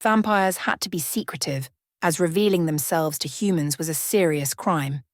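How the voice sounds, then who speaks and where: A woman with a fairly low voice tells scripted bedtime fiction for ASMR at a normal speed. The recording is dry and echo-free, with very little room sound around her words.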